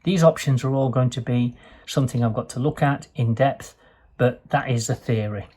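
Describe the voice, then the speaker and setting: A man's voice: mid-range voice, normal speed, a little mellow, no room sound. Chatty man touring his boat. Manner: chatty, rambling, with fillers. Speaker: vlogger showing his boat. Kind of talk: casual vlog tour. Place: narrowboat cabin, indoors. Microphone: handheld camera.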